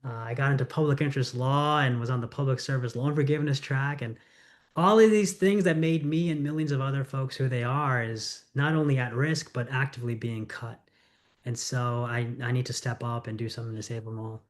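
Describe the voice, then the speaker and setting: A middle-aged American man running for Congress answers interview questions earnestly, telling stories and dropping quick asides. His voice sits in the mid-range with fairly even intonation.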